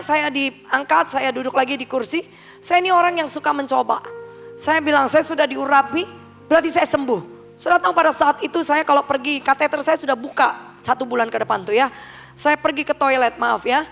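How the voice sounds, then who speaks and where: A middle-aged Indonesian woman preaches a testimony sermon in a high, gravelly voice. She tells her story to the congregation in a lively way, with faint music playing underneath. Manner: storytelling, addresses congregation as saudara. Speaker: evangelist preacher.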